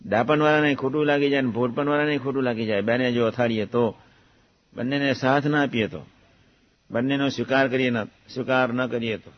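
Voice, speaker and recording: A man giving a measured, reflective devotional discourse about a guru's teachings. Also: mid-range voice, steady tone. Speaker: religious speaker recounting a guru's teachings. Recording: muffled lo-fi recording.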